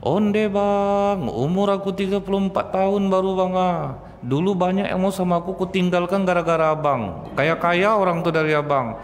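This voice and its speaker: A preacher voicing a grieving young widow who laments over her dead husband in a high, whiny voice. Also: normal speed, big-room sound, slight background noise, lightly acted. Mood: wailing.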